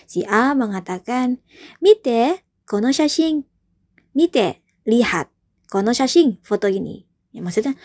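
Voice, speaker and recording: Young woman, language teacher, patient, repeats phrases slowly, fairly high voice, mellow tone. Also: breathy edge. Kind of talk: video lesson, explaining and drilling phrases.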